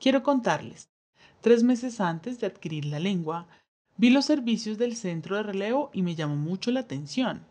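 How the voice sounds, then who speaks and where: A woman interpreting a signed interview aloud in the first person, with a measured, steady delivery and pauses. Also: medium pitch. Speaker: sign language voice interpreter.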